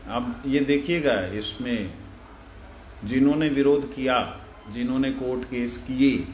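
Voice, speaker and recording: A man's voice: medium pitch, a little mellow. Monk guy telling devotional stories, blunt and direct, echoey room, a bit of background hum. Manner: frank, speaks directly. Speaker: monk giving a devotional talk. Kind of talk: devotional storytelling talk.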